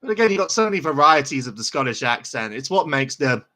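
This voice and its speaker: Male host for a live football reaction stream: bright voice, mid pitch, chatty and rambling. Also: very animated, fast talker. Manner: chatty and rambling, laughs often. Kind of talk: casual live match commentary.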